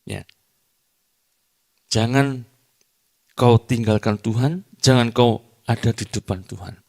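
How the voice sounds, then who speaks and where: A middle-aged evangelist preaching a church sermon. He talks emphatically, swings from loud declarations to quiet confiding asides, and jokes with the congregation. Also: mid-range voice, steady tone, takes it slowly, creaky. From Indonesia. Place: church hall during a service.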